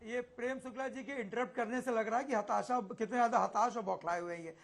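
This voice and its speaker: A man with a very high voice argues on a TV debate panel. He is combative, raises his voice over the others and keeps firing back questions. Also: steady tone, quick pace, creaky. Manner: combative, shouts over interruptions. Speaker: party spokesperson. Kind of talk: heated TV debate.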